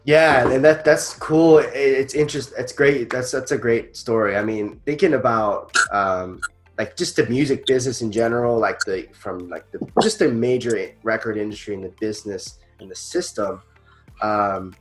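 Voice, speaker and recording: A man's voice: medium pitch, moderate pace, faint music behind. A man hosting a casual interview, friendly and chatty, telling stories with frequent fillers. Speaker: interviewer host. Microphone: livestream call.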